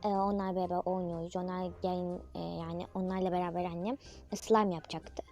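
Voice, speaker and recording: A woman's voice: fairly low pitch, level tone, fairly quick, a little mellow, highs cut off, faint music behind. A young female narrator chatting through a toy role-play video, playful and dramatic, talking straight to her viewers.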